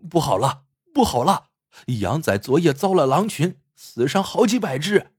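A man voicing a panicked servant rushing in with bad news in a storybook tale. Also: fairly high pitch, big pitch swings, a little mellow, husky, no echo, studio quality, pitched above the performer's own voice. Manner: alarmed, breathless report.

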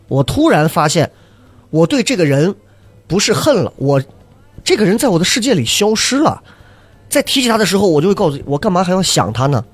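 Reflective man, lively higher voice. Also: a little fast, breathy edge. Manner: reflective, musing, joking asides. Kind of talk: casual chat.

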